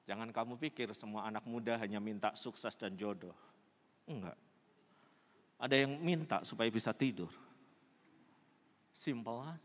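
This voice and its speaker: A man with an Indonesian accent preaching a sermon as a pastor, telling a story with dramatic swings between loud outbursts and hushed low tones. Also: measured pace, pauses often, long reverb tail.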